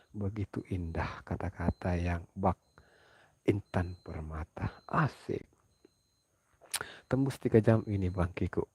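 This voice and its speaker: Hushed low-voiced man hosting a livestream. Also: breathy edge, no room sound. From South Sulawesi, Indonesia. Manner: hushed, low speaking so as not to wake others; reads viewer comments aloud and answers them. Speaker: livestream host. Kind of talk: casual late-night livestream chat. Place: home at night.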